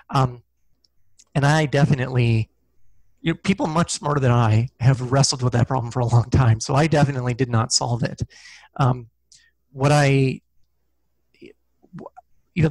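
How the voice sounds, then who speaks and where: On a video call from a small indoor room, a middle-aged physicist and science fiction author talks casually as a guest, thoughtful and quick to poke fun at himself. His mid-range voice comes through a headset mic with no room sound, but the audio quality is poor.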